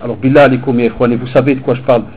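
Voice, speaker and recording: A man, a teacher and preacher, giving an animated, informal sermon to teenagers and mixing street talk with religious phrases. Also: medium pitch, very fast, narrow, tinny audio, a little hiss or hum. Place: hall in Belgium.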